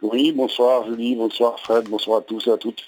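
A man calling in to a radio show over a phone line, talking casually and haltingly, often repeating words as he looks for the phrase. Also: mid-range voice, level tone, darkish tone, a little hiss or hum. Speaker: caller and occasional host on the station. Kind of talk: casual radio call-in chat.

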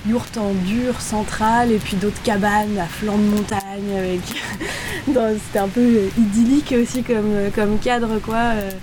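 A woman's voice: mid-range voice, unhurried. Give me a hesitant woman interviewee, full of fillers and restarts, with heavy rain noise behind her. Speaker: interview guest. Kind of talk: casual interview chat. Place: inside a tipi by a fire in the rain. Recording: steady rain noise in background.

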